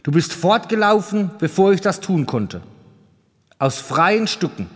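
A man reading the part of a stern, measured old king who questions a young squire. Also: high-pitched, big pitch swings, voice pushed up, full character voice. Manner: questioning, weighty, deliberate. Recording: long reverb.

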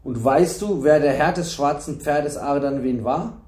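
A calm, commanding knight, read by a man in an audiobook, speaking with steady patience. The voice sits slightly high and keeps a measured, authoritative pace. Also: husky. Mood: patient. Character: famous older knight, patient and calm leader. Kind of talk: audiobook reading.

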